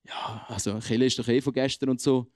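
A man voicing a dismissive, skeptical male acquaintance who mutters in a low, offhand way. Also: steady tone, a little fast, darkish tone, no room sound, studio quality, natural voice.

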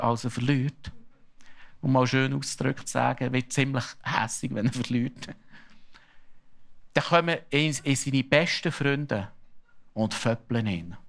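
A middle-aged man with a Swiss German accent, preaching a sermon in an animated, colloquial storytelling style that grows fervent. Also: medium pitch.

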